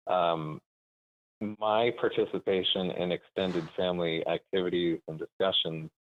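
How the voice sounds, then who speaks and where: A man calling into a show, speaking thoughtfully and haltingly over a clipped phone line, pausing often to search for words. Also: low-pitched. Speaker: caller. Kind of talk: call-in conversation. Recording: narrow tinny phone line.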